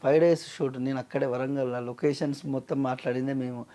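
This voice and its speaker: A man's voice: mid-range voice, fairly even intonation, fast, warm tone. A man, a singer and lyricist talking earnestly in an emotional interview. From Telangana, India. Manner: earnest, pleading, acts out quoted dialogue.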